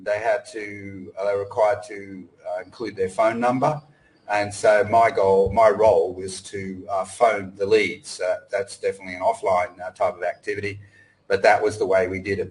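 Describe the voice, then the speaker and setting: A man's voice: on the low side, rough recording. A middle-aged man from Australia giving a casual online presentation, rambling with lots of fillers and restarts. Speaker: webinar presenter. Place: home in Cambodia.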